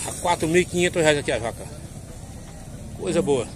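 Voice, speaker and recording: Brisk and a little high-pitched, an animated man does casual walk-and-talk interviews at a cattle fair, recorded outdoors on a phone amid a crowd. He cheerfully asks sellers what they want for their cows and compliments the animals, with plenty of background noise.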